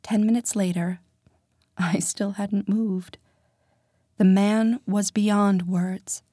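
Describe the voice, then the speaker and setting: A woman reading a first-person romance story, soft and intimate, often dropping to a whisper. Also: mid-range voice, steady tone, slow pace, no echo, clean studio sound. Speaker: audiobook narrator.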